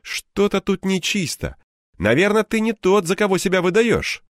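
A man's voice: high-pitched, very animated, normal speed, no echo, clean studio sound, pitched above the performer's own voice. A man voicing a playful, mocking young male friend who teases and jokes, in an audiobook reading. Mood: teasing.

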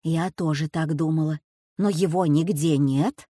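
A woman voicing an elderly grandmother, slow-spoken and sighing, in a storybook reading. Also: low-pitched, fairly even intonation, mellow, no echo, studio quality, voice pushed down. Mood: fussing. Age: over 60. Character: grandmother, gentle old teacher, fussing.

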